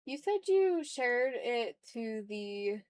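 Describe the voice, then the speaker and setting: On an art stream, a woman draws and chats informally, rambling, swearing occasionally, being self-deprecating, and reading viewer comments out loud. Her voice is a bit high and darkish in tone, swings widely in pitch, and moves slowly, with no echo.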